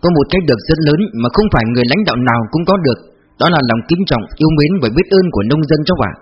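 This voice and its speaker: Narrator as a calm, wise older man. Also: fairly high pitch, racing, breathy edge, lo-fi sound, faint music behind.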